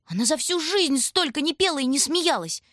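A woman voicing an excited, protesting young boy. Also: high voice, moderate pace, dry recording, clean studio sound, voice pushed up. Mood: agitated. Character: Shurka, frightened agitated boy.

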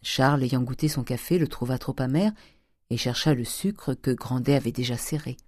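Audiobook reader, measured narration, mellow dark tone, dry close sound. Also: mid-range voice, no echo.

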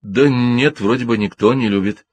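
A man's voice: mid-range voice, pitched above the performer's own voice, natural voice. A man reading an audiobook, voicing a nervous young male medical student who talks hurriedly. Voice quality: flustered, hurried.

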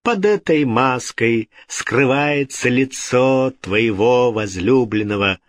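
Man doing a cruel vengeful queen, commanding, raised and loud, dry sound. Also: a little high, big pitch swings, unhurried, no room sound, pitched above the performer's own voice. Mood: imperious. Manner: imperious, uses royal "we".

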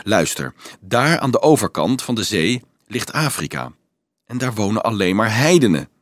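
A man's voice: lowish voice, sing-song, normal speed, no echo, clean studio sound. A man reading an earnest teenage boy who hesitantly, then urgently explains things to a crowd of children, in an audiobook.

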